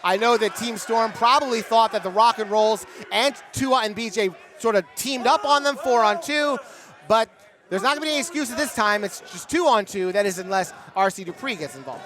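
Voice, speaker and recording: Middle aged guy doing play-by-play for pro wrestling, really high voice, sportscaster style. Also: animated, moderate pace, fairly bright tone. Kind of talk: pro wrestling match commentary.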